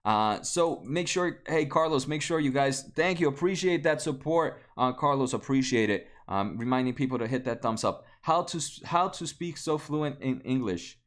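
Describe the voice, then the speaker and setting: Sitting at a desk in a room at home, this late-twenties stock market livestream host, a native Spanish speaker, answers viewers casually, full of fillers and restarts. He talks in an animated mid-range voice at normal speed with hardly any pauses.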